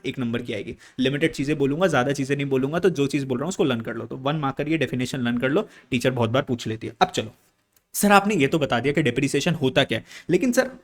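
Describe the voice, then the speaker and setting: With a mid-range voice, a male teacher gives an energetic, classroom-style lecture, firing questions at the class and answering them himself. He banters with the students, calling them "bhai" and "beta," meaning brother and child, and points to his own microphone as an example.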